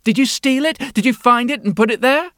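A man's voice: very high voice, a little fast, a bit bright, no room sound, studio quality, voice pushed up. A man voicing a young, eager princess in a raised, girlish voice. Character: young spoiled princess, girl.

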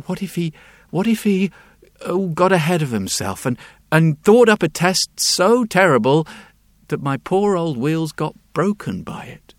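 A man's voice: a little high, wildly swooping pitch, a little fast, few pauses, a bit bright, dry recording, clean studio sound, heavily acted. A man voicing an anxious village wheelwright who stammers in panic, in a told story. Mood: worried.

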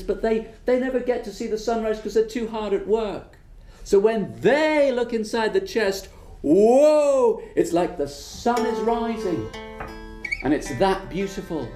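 A storyteller telling a folk tale in a lilting, drawn-out way who trails off softly on key words. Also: medium pitch, echoey room.

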